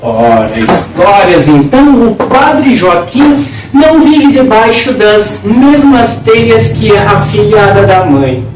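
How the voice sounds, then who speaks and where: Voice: big pitch swings, takes it slowly, a little mellow, soft background music. A performer voicing a plump, smug and gossipy older canon priest in a dramatic reading of a novel, speaking emphatically. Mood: insistent. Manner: emphatic, with wide swings of pitch between phrases. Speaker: reader voicing the characters. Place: small intimate room. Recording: roomy sound from a distant mic.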